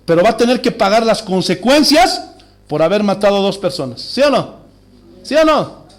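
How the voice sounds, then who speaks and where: A man's voice: sits high, very animated, normal speed. A male pastor preaching a sermon in a church, asking the congregation rhetorical questions. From Bolivia.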